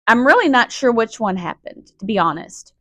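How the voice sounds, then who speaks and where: A woman, hosting a personal podcast in a raw, emotional monologue full of halting restarts. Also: on the high side, very animated, no echo. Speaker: podcast host.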